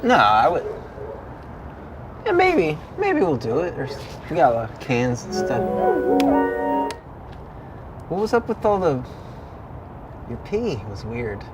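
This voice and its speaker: A man acts out a goofy, clueless sitcom guy, a sensitive macho buddy in a 90s parody. His pitch swings widely and he takes his time with the words. Music plays behind him. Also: wildly swooping pitch, takes it slowly, long pauses, crowd noise, heavily acted, rough recording. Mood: earnest, hesitant.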